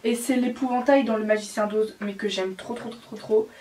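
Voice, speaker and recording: A woman's voice: mid-range voice, steady tone, fairly quick, a little mellow, slight background noise. A young woman in her late teens hosting a casual chat, talking on and on with many fillers and hesitations. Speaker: doll collector channel host. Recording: distant from the mic.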